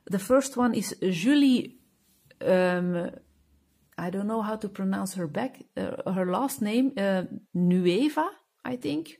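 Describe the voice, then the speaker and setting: A Belgian woman whose first language is Dutch (Flemish) hosts a coloring channel and chats casually to camera in English, her second language, with a Flemish accent. Her mid-range, darkish voice has lively intonation and vocal fry, and she speaks slowly, hesitating and using many fillers while searching for words.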